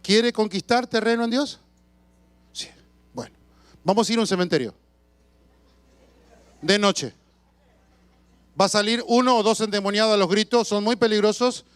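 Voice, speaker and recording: A man preaching a sermon as a pastor, telling stories with shouts and sound effects and asking the congregation questions. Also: sits high, clean tone, no echo. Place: church.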